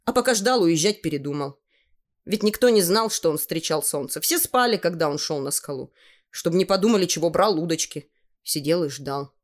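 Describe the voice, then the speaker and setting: A woman with a lowish voice reads a literary story aloud. Her reading is measured and expressive. It sounds like a calm audiobook narration.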